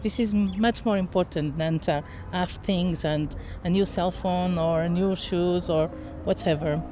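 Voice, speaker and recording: A woman from Portugal in her fifties talks outdoors in a city street interview, and Portuguese is her first language. She speaks in a thoughtful, halting way and pauses to search for words. Clear traffic noise runs behind her. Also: lowish voice, steady tone, dark tone. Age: 50s.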